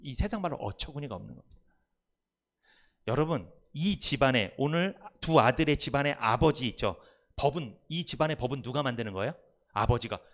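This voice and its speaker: A man's voice: medium pitch, expressive, brisk. A male pastor preaching a Sunday sermon in church, putting questions to the congregation and answering them himself. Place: church sanctuary.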